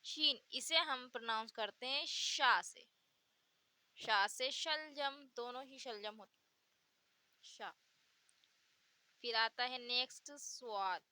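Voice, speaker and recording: A woman's voice: on the high side, measured pace, pushed and bright, clear, resonant tone, dry recording. A woman teaching the Urdu alphabet, patiently repeating each letter's sound and giving example words. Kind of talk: slow letter-by-letter pronunciation lesson.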